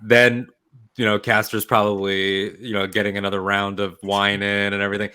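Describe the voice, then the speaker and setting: A man playing a tabletop game, talking casually and telling what his character does in a lively way. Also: on the low side, moderate pace, smooth. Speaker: player.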